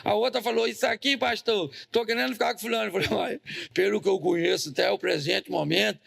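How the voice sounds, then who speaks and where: A man's voice: high voice, steady tone, quick pace, creaky, fairly bright tone. A middle-aged man pastor preaching a humorous sermon to a congregation, telling funny stories and having the crowd repeat after him. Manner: joking, storytelling, asks the congregation to repeat. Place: church in front of a congregation.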